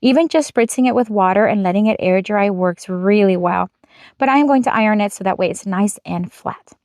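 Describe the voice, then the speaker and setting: A woman's voice: mid-range voice, a little fast, a little mellow, dry recording, clean studio sound. A young adult woman narrating a step-by-step craft tutorial in a chatty, upbeat voice-over. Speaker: craft channel host.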